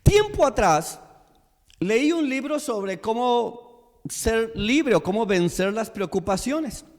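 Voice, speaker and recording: A man preaching a sermon as pastor in a church, slow and emphatic, repeating his questions to the congregation. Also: very high voice, sing-song. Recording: long church hall reverb.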